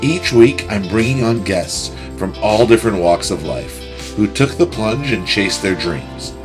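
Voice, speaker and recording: Host: man, lowish voice, friendly and upbeat, soft music bed in places. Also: lively intonation, measured pace. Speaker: podcast host. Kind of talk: scripted intro then casual interview. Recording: intro with faint music behind.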